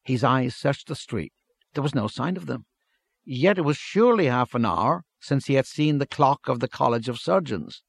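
A man reads a literary story aloud in a measured, steady way at an even middle pitch. The sound is dry and close, with no room around the voice. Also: creaky, no room sound. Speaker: narrator. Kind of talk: scripted story narration.

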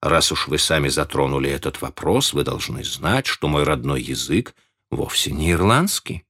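Man doing awkward young man, evasive, hesitant, mumbling, deep low voice. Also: expressive, normal speed, a bit bright, exaggerated voice. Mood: embarrassed.

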